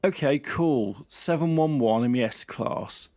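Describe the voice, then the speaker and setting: A man's voice: mid-range voice, slow, a little mellow, soft background music. A man giving casual, chatty running commentary while playing a racing game. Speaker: gaming channel host.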